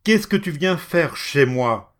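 A man voicing a furious, haughty rich landowner who beats a poor woman, his voice raised high and loud. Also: lively intonation, slow. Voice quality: shouting, haughty.

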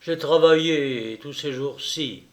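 A bashful young artist, read by a man in his own voice, answering with stiff, courteous formality. His tone sits a touch high and unhurried. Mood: polite. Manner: polite, formal replies.

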